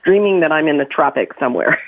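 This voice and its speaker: A woman's voice: low voice, expressive, fast, no echo. A woman chatting casually as a radio show guest over a phone line. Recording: dry, narrow phone-line sound.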